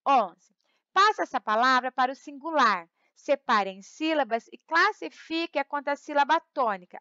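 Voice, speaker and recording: A Brazilian Portuguese woman teaching a recorded lesson, her voice high and bright. She explains patiently, repeating words and checking that students follow. The sound is dry and a little dull, close to the mic. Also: no echo. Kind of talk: recorded remote class lesson.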